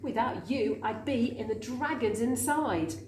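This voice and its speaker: An excitable, kindly storybook witch, put on by a woman reading aloud. Her exclamations jump up high and swing in pitch. The room rings around her, with some faint noise underneath. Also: unhurried, reverberant. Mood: relieved, grateful. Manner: crying out in sudden exclamations. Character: friendly exclaiming witch, female, excitable and grateful.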